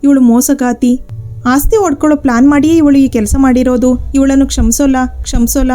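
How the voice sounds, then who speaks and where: A spiteful, jealous young sister-in-law in a spoken storybook, bitter and accusing, in a high, dark-toned voice, as a woman narrator puts her on. Her sharp taunts come over faint music underneath. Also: steady tone, a little fast, lightly acted. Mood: furious.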